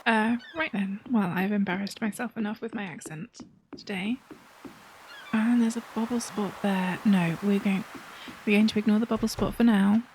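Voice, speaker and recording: A woman hosting a let's play, chatting casually through her game and sometimes dropping into soft whispered asides. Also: mid-range voice, steady tone, moderate pace, a little hiss or hum.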